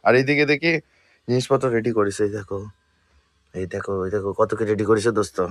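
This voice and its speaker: A hoarse young man with a cold, vlogging from home on a phone and chatting straight to his viewers. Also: on the low side, fast. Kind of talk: casual daily vlog. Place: at home, indoors.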